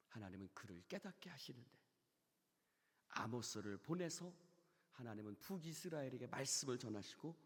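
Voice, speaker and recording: Male pastor, sermon, lively swooping delivery, husky voice, long hall reverb, whisper-to-shout swings. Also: mid-range voice. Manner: swings from hushed near-whispers to loud shouted peaks; asks the congregation questions and has them repeat phrases. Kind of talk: Wednesday service sermon. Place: church sanctuary.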